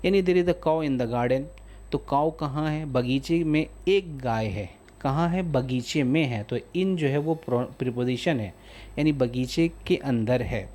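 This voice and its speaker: A man gives a grammar lesson at a deliberately slow pace, and his pitch sits in an ordinary middle range. He reads the English definitions out carefully and then explains each one patiently in Hindi, the way a teacher does for beginners. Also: a little mellow.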